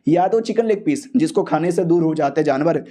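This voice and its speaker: A cocky young academy hero who talks brashly and teases his friends, as a man puts him on. The voice sits fairly high with a mellow, warm tone. This is a manga-recap figure. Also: a little fast, lightly acted. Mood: jittery. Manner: brash, teasing.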